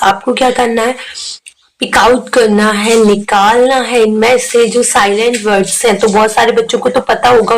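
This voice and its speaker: A woman teacher, going through an exam revision lesson and explaining each word slowly. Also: fairly high pitch, a little hiss or hum, poor audio.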